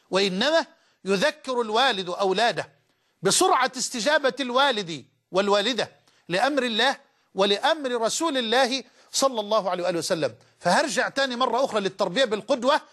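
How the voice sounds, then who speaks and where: A man's voice: extremely high pitch, lively intonation, fast talker, bright, forceful tone. A man with an Egyptian Arabic accent preaching a sermon with passion, asking rhetorical questions and hammering points home by repeating them. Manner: impassioned, with rhetorical questions and emphatic repetition.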